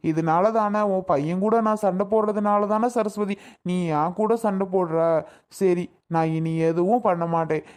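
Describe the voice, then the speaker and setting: A woman's voice: mid-range voice, darkish tone, close to an everyday voice. A woman voicing an emotional elderly father in a cartoon, pleading with his wife and saying her name over and over. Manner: pleading, affectionate, repeats wife's name. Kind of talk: Tamil cartoon voice acting.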